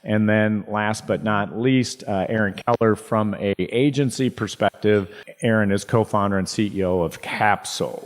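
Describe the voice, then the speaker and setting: A man moderating a business panel, introducing speakers with measured, slightly halting phrasing. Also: fairly low pitch. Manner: measured, hesitant fillers. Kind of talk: panel discussion. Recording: long hall reverb.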